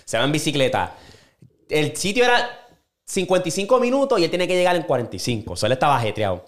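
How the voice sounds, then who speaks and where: Man, podcast co-host, slangy and animated storyteller with a fairly high voice that jumps for quotes. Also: fast. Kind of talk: casual podcast chat.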